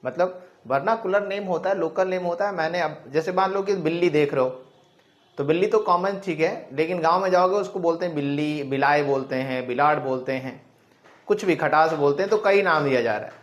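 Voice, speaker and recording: A man's voice: fairly high pitch, fairly quick. A man teaching a biology class, who asks the class questions and answers them himself, mixing English terms into his Hindi. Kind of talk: classroom lecture.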